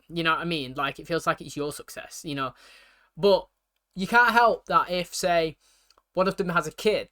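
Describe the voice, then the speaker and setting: A man's voice: high voice, bright, forceful tone. Rambling man reacting to a show. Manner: rambling, full of "you know" and "like". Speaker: reaction video host. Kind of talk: casual reaction commentary.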